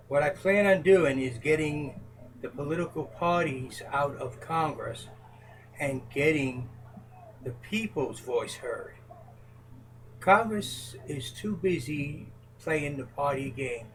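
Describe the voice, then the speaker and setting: A man's voice: fairly high pitch, a bit bright, slight background noise, poor audio. A man answering interview questions as a presidential hopeful in a casual home chat, earnest and emphatic.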